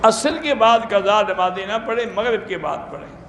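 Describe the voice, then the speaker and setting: A man, an Islamic scholar, giving brisk, plain-spoken answers to religious questions in a question-and-answer talk. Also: sits high, lively intonation, a bit bright, slight background noise. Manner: plain-spoken, brisk, matter-of-fact rulings. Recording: echoey room.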